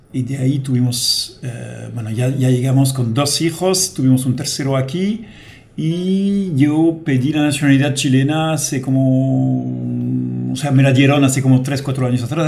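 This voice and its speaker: A man from France, French his first language, talks easily as a radio guest, pausing often with little fillers. His voice sits in an ordinary middle pitch. He sounds like a studio interview. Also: vocal fry, soft background music. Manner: relaxed, chatty, many hesitations. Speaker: guest, company director.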